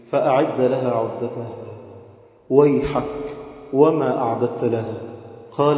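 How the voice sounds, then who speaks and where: A man preaching a sermon with an Egyptian Arabic accent, emotive, moving between loud chanting and soft pleading. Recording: booming echo with long hall reverb.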